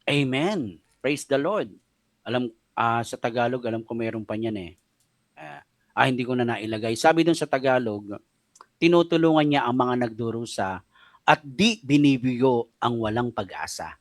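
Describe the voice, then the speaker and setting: A man's voice: medium pitch, moderate pace, no room sound, clean studio sound. A middle-aged man with a Filipino accent preaching a radio sermon, telling a personal story with feeling and mixing Tagalog and English. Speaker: pastor.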